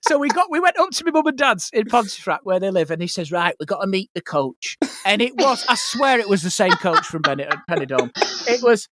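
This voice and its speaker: Animated woman telling a comic story. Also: medium pitch, brisk, dry recording. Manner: animated, swears casually, acts out other people's lines. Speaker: podcast host.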